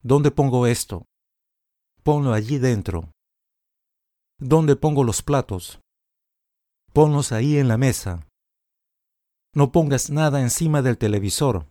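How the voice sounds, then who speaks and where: A man reads short example sentences for language learners at a slow, unhurried pace. His voice is mellow and mid-pitched, and each word is carefully enunciated. The sound is dry and close. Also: animated, no echo. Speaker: language teacher.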